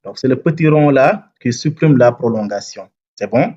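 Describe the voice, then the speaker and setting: A man teaching Quran recitation rules step by step, patiently checking that learners follow and chanting the verses slowly. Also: mid-range voice, expressive, dark tone, highs cut off. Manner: patient, repeats and checks understanding; slow drawn-out recitation of verses. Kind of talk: step-by-step tajweed lesson.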